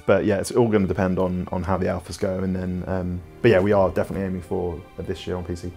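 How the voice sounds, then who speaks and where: A man's voice: deep voice, flat delivery, fast talker, vocal fry, warm tone, soft background music. A man, a game developer, answering community questions in a casual chat, rambling through his explanations with lots of ums and you-knows.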